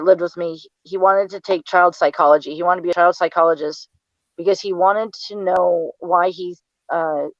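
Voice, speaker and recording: A woman's voice: on the low side, no echo, dull audio. A woman, recounting memories as an interview guest, often stumbling and repeating her words. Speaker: interview guest, mother of the subject. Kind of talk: personal recollection in an interview.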